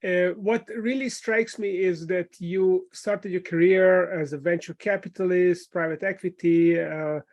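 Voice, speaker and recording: A man's voice: sits high, steady tone, unhurried, hardly any pauses, darkish tone, highs cut off. A man hosting a podcast, asking conversational interview questions and often restarting his phrases. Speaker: podcast host.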